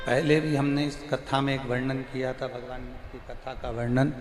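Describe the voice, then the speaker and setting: Male preacher, slow and repetitive, middle pitch, roomy hall sound. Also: level tone. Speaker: preacher of religious discourse. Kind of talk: devotional sermon with chanted verse. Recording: echoey hall with faint music.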